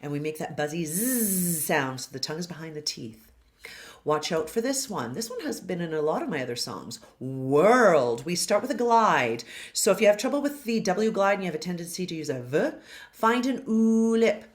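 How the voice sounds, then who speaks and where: Low-voiced woman coaching singing pronunciation. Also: very animated, a little fast. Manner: over-enunciates model words, loud and drawn out. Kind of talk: pronunciation lesson.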